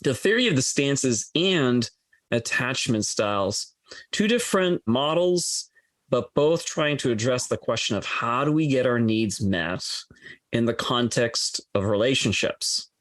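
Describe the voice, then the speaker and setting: A man's voice: medium pitch, animated, unhurried, fairly bright tone, no room sound. A man hosting a podcast who asks questions conversationally and explains the concepts at length. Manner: explanatory, with filler restarts. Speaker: podcast host. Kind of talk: conversational interviewing.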